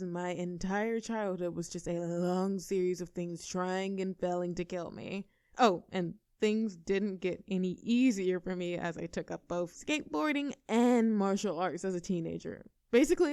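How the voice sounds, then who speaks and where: A woman voices a tough, brash young girlfriend in a scripted audio roleplay, talking casually and cockily, swearing freely and laughing between lines. Her voice is on the low side with a darkish tone, recorded dry at studio quality.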